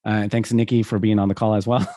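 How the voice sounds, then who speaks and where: A man's voice: lowish voice, flat delivery, quick pace, warm tone, no room sound, clean studio sound. A man hosting a casual video-call interview, mostly reacting with brief interjections. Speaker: podcast host.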